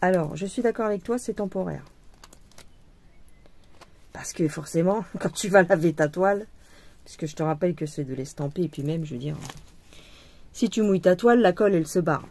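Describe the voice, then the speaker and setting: Woman, craft vlogger, mellow tone, playful chatty delivery. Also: medium pitch. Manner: chatty, playful, puts on a jokey accent. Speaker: cross-stitch vlogger. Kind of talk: casual chat while embroidering.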